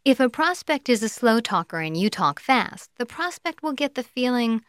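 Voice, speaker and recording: A woman teaching sales rapport, her voice rising and falling with lots of movement as she acts out squeaky, low, fast and slow voices to make her points. She laughs lightly now and then, and the sound is close and dry with no room around it. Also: sing-song, no echo. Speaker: sales trainer. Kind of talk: instructional talk.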